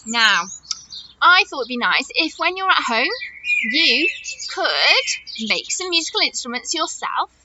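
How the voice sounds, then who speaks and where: A female teacher hosts simple story follow-up activities for little ones, talking to them in a chatty, questioning way with a high, swooping voice. She keeps a measured pace and adds animated, exaggerated gasps and wonder. The audio is dull, with loud noise and clicks.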